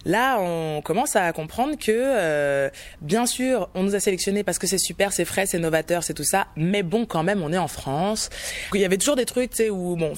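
Woman telling her story with many hesitations. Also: lowish voice. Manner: conversational, hesitant with many fillers. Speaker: screenwriter and documentary maker. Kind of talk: candid interview testimony.

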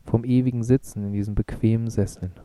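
A man's voice: on the low side, steady tone, fast, dark tone, no echo, natural voice. A man voicing a courteous woman ambassador over sixty with a smoky, sing-song voice, in an audiobook. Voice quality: smoky singsong voice.

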